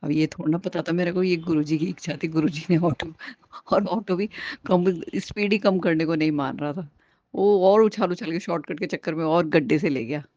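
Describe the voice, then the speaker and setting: A woman's voice: low voice, normal speed, dark tone, no room sound. A woman sharing a personal devotional testimony in a chatty way, acting out the dialogue she quotes and often restarting her sentences. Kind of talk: casual devotional storytelling. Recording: dull lo-fi home recording.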